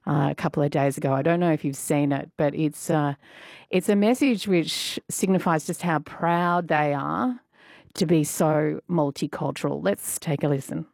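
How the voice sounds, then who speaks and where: A woman's voice: low-pitched, darkish tone, no echo, studio quality. An Australian woman hosting a radio show, chatting casually and upbeat with frequent fillers. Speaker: radio host. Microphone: studio microphone.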